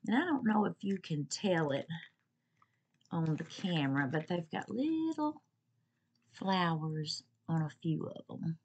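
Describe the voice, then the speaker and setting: A woman's voice: on the low side, big pitch swings, a little slow, darkish tone, highs cut off, a little hiss or hum. A woman chatting casually to the camera at home about a shopping haul, gushing and repeating herself as she talks. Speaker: vlogger reviewing a shopping haul. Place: at home with her pets nearby.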